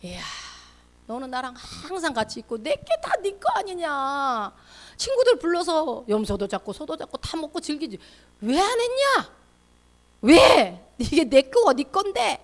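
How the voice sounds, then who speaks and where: A woman preacher voicing a patient, loving father gently reasoning with his grown son. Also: sits high, very animated, measured pace, exaggerated voice. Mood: coaxing.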